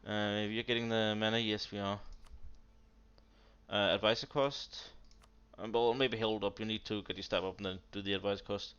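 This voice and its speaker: A man's voice: lowish voice, little pitch movement, normal speed, a bit bright, clear, resonant tone. A man giving casual, blunt commentary on a player's strategy game nation, exasperated and full of fillers. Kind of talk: casual commentary over gameplay. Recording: dull lo-fi mic with keyboard typing behind.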